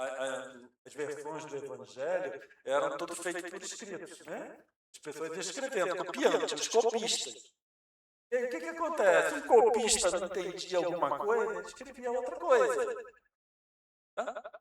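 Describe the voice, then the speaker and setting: A man with a Brazilian Portuguese accent giving a Spiritist lecture to an audience, explaining patiently and posing rhetorical questions he then answers. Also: sits high. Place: lecture hall. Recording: very echoey hall, mic far off.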